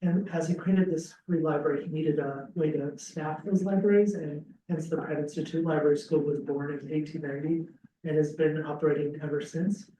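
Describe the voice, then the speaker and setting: Man giving a casual talk, higher voice, mellow tone, roomy echo, far from the webcam mic. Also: brisk, slight background noise. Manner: relaxed, frequent ums and restarts. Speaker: school dean giving an info session. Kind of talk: informal presentation to prospective students. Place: classroom with audience, also streamed on a video call. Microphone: laptop webcam some distance away. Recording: roomy, distant webcam audio.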